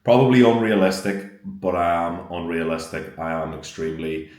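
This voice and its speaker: Young fitness vlogger dude, low steady voice, chatty and upbeat, swears a lot. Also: male voice, normal speed. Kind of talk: casual talk to camera.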